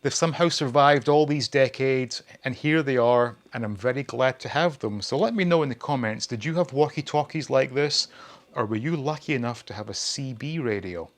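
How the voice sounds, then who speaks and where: The relaxed retro toy reviewer, a man in his forties, addresses his channel's viewers in a casual hobby review, his voice medium in pitch and at normal speed.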